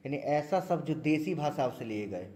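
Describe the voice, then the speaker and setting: A man's voice: fairly high pitch, lively intonation, moderate pace, dark tone. A man teaching a grammar lesson to students, repeating key points and urging them to remember. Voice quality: repetitive, drills points with frequent 'dekhiye'. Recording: long hall reverb.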